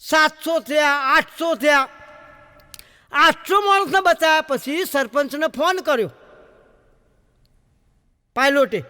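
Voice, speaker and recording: A man with a Gujarati accent telling jokes on stage, animated and playing the people in his stories. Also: very high voice, takes it slowly, pauses often, in a large hall. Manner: animated storytelling, voicing characters in dialogue. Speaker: stand-up comedian.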